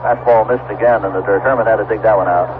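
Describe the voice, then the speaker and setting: Talking fast in a lowish voice with fairly even intonation, an American announcer gives live play-by-play of a baseball game at an outdoor ballpark. The old radio broadcast sounds tinny and narrow, buried in loud noise.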